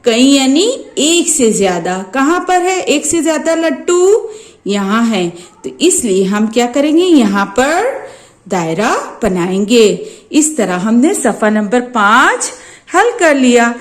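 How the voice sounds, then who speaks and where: A woman teacher with an Urdu-medium Maharashtra accent, slowly walking young children through a first-grade maths exercise, asking questions and answering them herself. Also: a little high, big pitch swings. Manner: slow, sing-song questions answered by herself. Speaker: primary school teacher.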